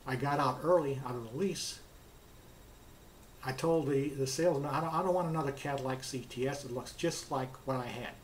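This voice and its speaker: Fairly quick and mid-range, this man's voice carries a little hiss or hum. Recounting his experience as a car customer, he tells the personal anecdote in a plainspoken, casual way, replaying the dialogue exchange by exchange.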